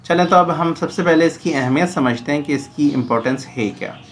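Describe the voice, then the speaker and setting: A man's voice: fairly high pitch, a little fast. Male teacher. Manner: explains in Urdu mixed with English. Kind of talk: grammar lesson.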